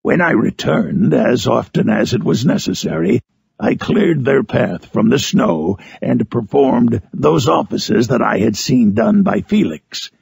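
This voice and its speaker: A man voicing Frankenstein's monster, a lonely, eloquent man-made creature, in a solemn, harsh storybook narration with drawn-out phrasing. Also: mid-range voice, animated, darkish tone, dry recording, full character voice. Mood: wistful, reflective. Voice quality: harsh, gravelly, raspy. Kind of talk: dramatic audiobook narration in character.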